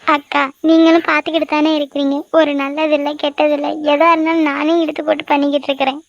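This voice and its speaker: A worn-out village mother laments her troubles in a cartoon, voiced by a woman. The voice is high and quick. The sound is close and dry. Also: level tone, vocal fry, no echo, lo-fi sound. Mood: lamenting. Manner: tearful, lamenting. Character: weary grieving village mother.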